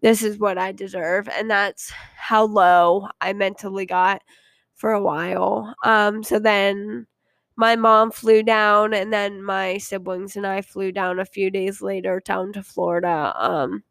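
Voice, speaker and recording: A woman's voice: medium pitch, steady tone, slow pace, creaky, fairly bright tone, clear, resonant tone, no echo, clean studio sound. A young woman hosting a podcast, telling her own story in a rambling, hesitant, confiding way with frequent ums. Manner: earnest and confiding. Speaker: podcast host. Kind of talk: casual personal storytelling.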